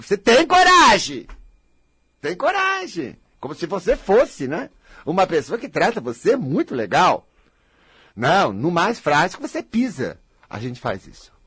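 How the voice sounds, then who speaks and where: A Brazilian man lectures with a sharply swinging, restless pitch that climbs high and dives low. His voice is husky and close, in a dry, dead room. He is blunt and provocative, scolding his audience like a tough-love coach. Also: no room sound. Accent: Brazilian Portuguese. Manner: mocks listeners' complaints in quick impressions. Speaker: self-help speaker.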